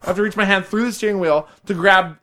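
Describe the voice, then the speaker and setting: A young man telling a rambling, animated story in casual chat, swearing freely and laughing through it. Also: sits high, quick pace.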